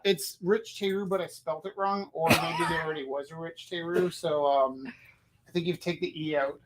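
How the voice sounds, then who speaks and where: A man's voice: on the high side, fairly even intonation, normal speed, rough recording. A man co-hosting, chatting casually in a rambling, matter-of-fact way. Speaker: co-host and teacher. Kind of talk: casual chat.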